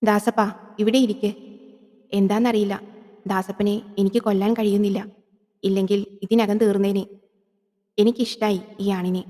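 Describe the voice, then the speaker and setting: A woman's voice: mid-range voice, level tone, dark tone, natural voice. A woman voicing a coaxing yakshi spirit in a long hall reverb. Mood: luring. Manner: coaxing, slow and intimate. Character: vengeful seductive female yakshi spirit. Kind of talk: horror audio drama.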